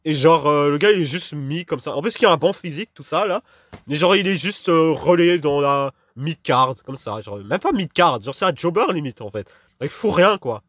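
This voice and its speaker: A man's voice: fairly high pitch, expressive, moderate pace, a bit bright, no room sound. A young man casually rambling through wrestler rankings in slangy, dismissive talk full of fillers. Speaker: wrestling commentator ranking a roster. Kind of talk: casual monologue.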